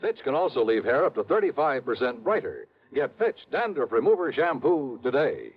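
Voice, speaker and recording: A man's voice: medium pitch, huge pitch swings, slightly rough. Tinny 1950s radio announcer, man. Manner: brisk, selling. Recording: tinny, narrow old radio broadcast.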